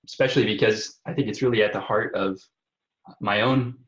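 A man with a fairly low voice speaks as a podcast guest in a personal, conversational style. He halts and repeats words as he goes. The sound is roomy and a little dull. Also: fairly even intonation, brisk. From Omaha area, Nebraska. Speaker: podcast guest, parish evangelization coordinator.

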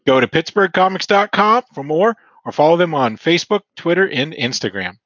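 A man's voice: fairly high pitch, animated, fairly quick, fairly bright tone, dry recording, dull audio. Upbeat man reading an ad. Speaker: ad reader. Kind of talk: read advertisement.

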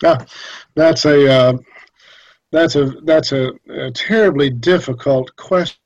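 A man's voice: a little high, a little slow, dry recording, muffled recording. A man answering interview questions over a remote call that keeps breaking up, hesitant and full of fillers. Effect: remote call audio breaking up. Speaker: podcast guest.

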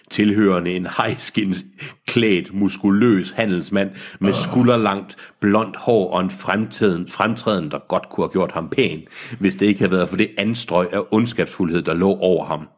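A man with a low, husky voice reads a pulpy story aloud. He keeps stopping to poke fun at the prose and laughs at his own asides. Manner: laughing, mocking the text as he reads. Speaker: reader of a novel on a comedy podcast. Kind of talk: reading aloud with joking asides.

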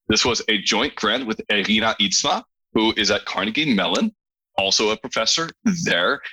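A man's voice: lowish voice, pushed and bright, poor audio. A man hosting a podcast, opening the show and introducing a guest in an upbeat, chatty way. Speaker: podcast host. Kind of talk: scripted podcast introduction and interviewing.

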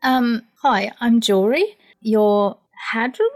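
A woman's voice: on the high side, slow pace. A woman playing in a tabletop game, improvising dialogue in a chatty, hesitant, apologetic, rambling way. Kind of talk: improvised in-character chat. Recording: music under the voice.

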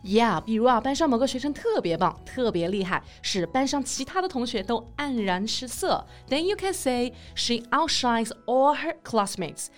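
A woman's voice: a little high, big pitch swings, normal speed, hardly any pauses. A woman co-hosting a podcast lesson, explaining English words in a bilingual teaching chat and spelling them out letter by letter.

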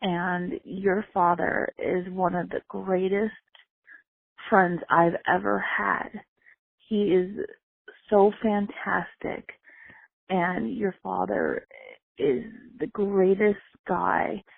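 A woman's voice: lowish voice, creaky, husky. A woman leaving a heartfelt voicemail for a friend's baby, heard over a phone line, gushing and repeating her praise with frequent restarts. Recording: tinny phone line, dry.

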